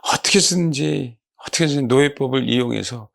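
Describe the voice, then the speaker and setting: A man preaching a sermon as a pastor. He asks his congregation rhetorical questions and softly repeats key words. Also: mid-range voice, brisk, creaky. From South Korea. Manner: lively, exclaiming.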